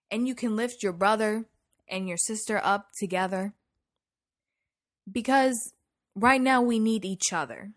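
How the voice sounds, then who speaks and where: A woman co-hosting a podcast, speaking in an emotional, heartfelt and pleading way. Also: medium pitch. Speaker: podcast co-host. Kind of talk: casual podcast chat.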